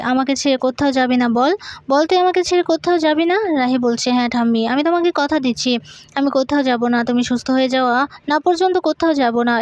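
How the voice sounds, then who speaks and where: A high-pitched woman narrates a TV serial episode scene by scene. She says every character's lines in the same voice as the narration and keeps a plain storytelling pace with small fillers. The sound is close and dry. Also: no echo. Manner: reads every character's lines in her own voice with little change.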